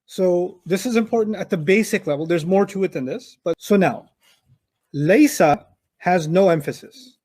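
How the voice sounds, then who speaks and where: A man patiently teaching Arabic grammar one-on-one, repeating key points and acting out quick example arguments. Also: sits high, darkish tone.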